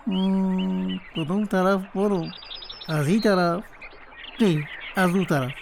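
A woman's voice: lowish voice, fairly even intonation, creaky, darkish tone. Woman as anxious lost rabbit, Afghan Dari accent, kids' cartoon, faint hiss. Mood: fretful. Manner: fretful, talks to herself, pleading. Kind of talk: children's cartoon voice acting.

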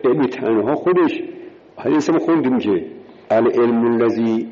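A man giving a religious sermon, emphatic, repeating key words and listing points one by one. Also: medium pitch. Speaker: preacher. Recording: dull lo-fi recording with long hall reverb.

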